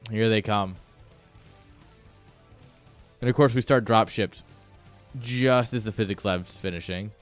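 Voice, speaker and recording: A man's voice: lowish voice, a little slow, pauses often. Sarcastic male game caster over music. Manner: joking, sarcastic asides. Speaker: esports commentator. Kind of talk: casual game commentary.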